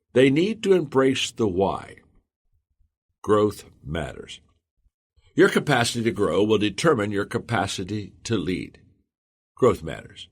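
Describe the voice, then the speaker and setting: A man reading a motivational audiobook in the first person, earnest and measured. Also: lowish voice. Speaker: audiobook narrator. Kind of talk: scripted audiobook narration.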